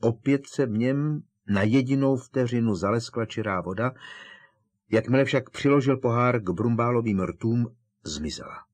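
A man reading an audiobook as the narrator, telling the story in a steady, dramatic way. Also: medium pitch. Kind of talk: scripted narration.

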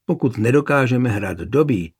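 A man voicing a calm, weary camp officer who teases his comrades, in a gravelly voice. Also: mid-range voice. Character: worried, jocular older comrade and officer.

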